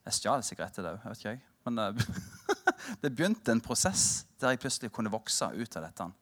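Male preacher, 30s, sermon storyteller, expressive and wide-ranging delivery, playful asides. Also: medium pitch. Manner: storytelling, animated and humorous with the congregation.

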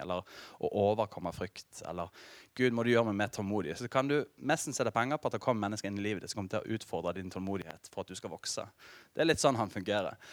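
A middle-aged man preaching a sermon as pastor, telling a story with lively asides and laughter to the congregation. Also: lowish voice, dry recording.

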